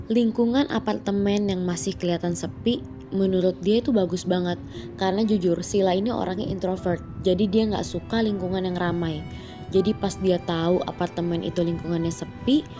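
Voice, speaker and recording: This woman's lowish voice carries a lisp-like R, since a speech impediment keeps her from rolling it. As a chatty channel host, she tells horror stories with a casual, scripted feel, addressing listeners as "guys" and slipping in English words. Music plays under her voice.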